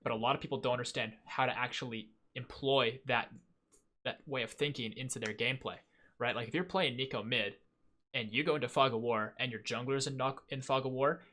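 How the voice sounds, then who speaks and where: A man's voice: medium pitch, steady tone, brisk, sharp tone. A young man hosting a gaming channel, chatting casually and self-critically through a post-game review with lots of fillers. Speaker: gaming video host.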